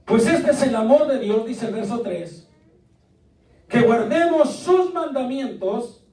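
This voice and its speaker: High-voiced pastor preaching in an echoey church. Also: male voice, slow. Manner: lively, joking, calls out to the congregation. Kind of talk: sermon. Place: church sanctuary. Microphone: distant from the mic. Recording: echoey church recorded from a distance.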